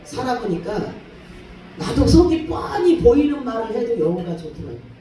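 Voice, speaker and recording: Casting: revival preacher, mellow tone, lively storyteller, booming hall reverb, mic set back. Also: moderate pace, slight background noise. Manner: lively storytelling, acts out quotes, laughs often. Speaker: guest revival preacher, pastor. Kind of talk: revival sermon. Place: church sanctuary. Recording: echoey church hall, voice far from mic.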